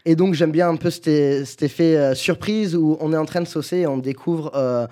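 A man's voice: fairly high pitch, normal speed, warm tone. A man, a chef, describing his dishes in a casual chat, speaking hesitantly with many fillers.

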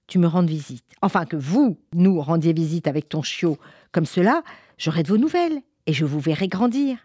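A woman voicing a kind grown man who sells puppies, gentle and coaxing. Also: deep voice, breathy edge, dry recording, clean studio sound.

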